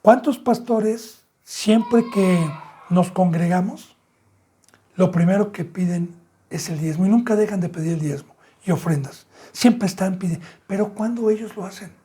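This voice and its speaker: A middle-aged man preaching a sermon as pastor, asking his listeners rhetorical questions and calling them brothers and sisters, with sudden emphatic rises in pitch and volume. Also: unhurried, dark tone, husky.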